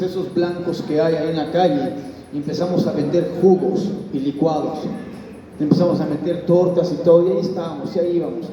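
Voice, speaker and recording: A man's voice: on the high side, mellow, a little hiss or hum. A middle-aged man, a pastor giving an earnest spoken testimony. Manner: earnest storytelling, acts out quoted voices. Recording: echoey hall, mic far off.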